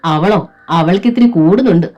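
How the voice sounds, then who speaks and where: A woman voicing a violent, angry young husband who shouts threats. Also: fairly low pitch, moderate pace, muffled recording, faint music behind, close to an everyday voice. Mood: furious.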